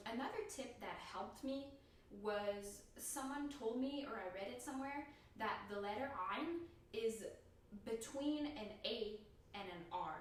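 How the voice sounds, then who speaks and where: A woman's voice: fairly high pitch, heavy reverb, recorded from a distance, a little hiss or hum. A woman vlogger talking casually about learning to pronounce a language, laughing often and restarting her sentences; her first language is an Indo-European one. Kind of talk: casual talk to camera.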